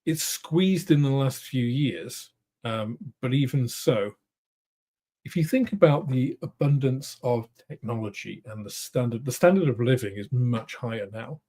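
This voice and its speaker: A middle-aged man with a British accent, hosting a casual livestream, answering viewers in a rambling, thoughtful way with many pauses and restarts. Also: mid-range voice, animated, mellow. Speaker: host of a model-making livestream. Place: home studio room.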